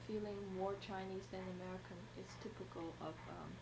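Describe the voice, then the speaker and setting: A woman interviewing an older man for an oral history project, calm and prompting with short acknowledgments. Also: mid-range voice, fairly quick, gravelly. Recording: noisy archival tape with background hiss.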